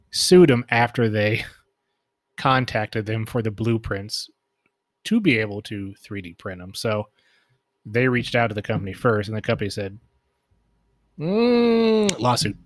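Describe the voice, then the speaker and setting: A low-voiced man co-hosting a podcast in casual chat. His voice sounds dry and close with no room echo, and he slips in deadpan jokes. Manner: dry, joking asides. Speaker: podcast co-host.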